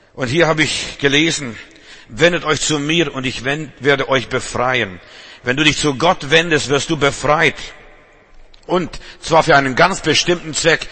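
A man delivers an evening sermon in a church hall, hammering home his points by repeating them and slowing down for each refrain. His voice is bright and a little husky, pitched slightly above the usual for a man. He mixes stern exhortation with wry humorous asides. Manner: emphatic, repeats key phrases, slows for refrains, humorous asides. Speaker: preacher.

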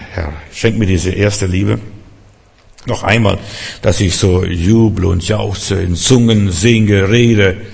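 A man's voice: on the low side, vocal fry, a little mellow, husky. A man preaching a sermon fervently, asking the congregation direct questions. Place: church hall in Berlin. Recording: long hall reverb.

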